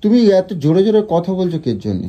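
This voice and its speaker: Fast-talking nagging man. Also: high-pitched, big pitch swings, muffled recording, slight background noise. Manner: scolding, nagging and teasing. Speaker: husband in a comic couple skit. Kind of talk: scripted domestic squabble.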